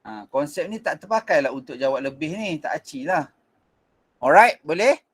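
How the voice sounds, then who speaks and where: A man's voice: on the high side, lively intonation, moderate pace, a bit bright, breathy edge. A Malaysian man teaching an online physics revision class, mixing in English, with frequent fillers and restarts.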